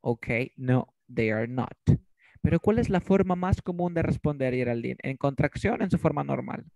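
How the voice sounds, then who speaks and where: A man's voice: on the high side, brisk, gravelly, dark tone, no room sound, dull audio. A man teaching an online English class in Spanish, drilling students with repeated questions. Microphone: video call.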